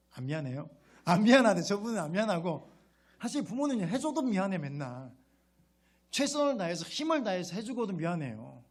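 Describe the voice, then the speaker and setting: A man's voice: sits high, slightly rough. A male pastor preaching a sermon in a conversational way, often putting rhetorical questions to his congregation and acting out a child's grateful words.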